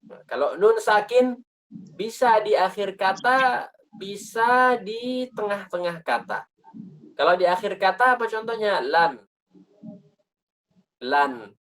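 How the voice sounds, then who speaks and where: A man's voice: high voice, measured pace, long pauses, fairly bright tone, rough recording. A man teaching a tajwid lesson, patient and repeating key points with many fillers. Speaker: Quran recitation teacher.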